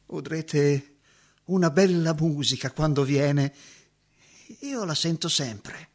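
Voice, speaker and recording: A slow, haunted grieving lover. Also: male voice, medium pitch. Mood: wistful. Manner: wistful storytelling with sudden anguished outbursts. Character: lonely haunted man, grieving a lost love. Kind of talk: stage drama acting.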